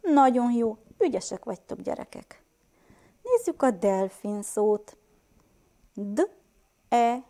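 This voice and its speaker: Teaching a first-grade reading lesson, this Transylvanian Hungarian-accented woman sounds words out slowly and asks the children questions. Her mellow voice is fairly high, with big swings in pitch.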